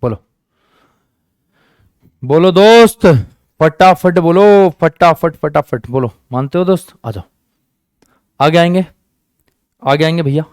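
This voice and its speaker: A man's voice: fairly high pitch, darkish tone, clean tone, no room sound, studio quality. Coaxing man teaching an exam-prep class. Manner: coaxing, repeats questions and answers, calls students "beta" and "dost". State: sore hand, says it hurts.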